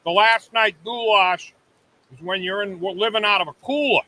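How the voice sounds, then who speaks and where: A man with a high, bright voice hosts a relaxed live chat from a cabin. He talks loosely to his viewers and reads their comments aloud as they come in. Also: moderate pace, recorded from a distance, low-quality recording. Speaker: livestream host.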